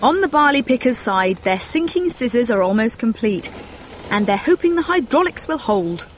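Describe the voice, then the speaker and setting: A woman's voice: a little high, sing-song, normal speed, slight background noise. A woman delivering scripted television narration. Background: music.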